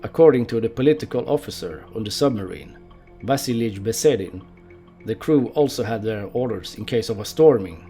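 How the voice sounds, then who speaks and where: A man's voice: on the low side, expressive, fairly quick, warm tone, soft background music. A man narrating a history documentary, telling the story in an amused way and laughing now and then.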